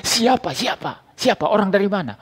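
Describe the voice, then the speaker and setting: A man playing a scheming father in a sermon story, giving hushed instructions to his child. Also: fairly low pitch, lively intonation, fast. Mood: panicked. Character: scheming father stealing melons, nervous.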